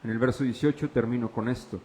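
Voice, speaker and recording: A man preaching a sermon as pastor, questioning the congregation and swinging from loud to hushed. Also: mid-range voice, fairly even intonation, quick pace, big-room sound, rough recording. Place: church.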